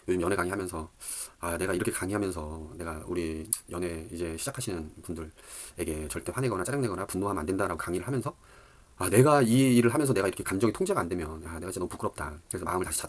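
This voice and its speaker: Rapid, husky man rambling animatedly. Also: deep voice. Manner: rambling, animated storytelling with many fillers. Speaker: dating advice lecturer. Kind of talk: casual monologue.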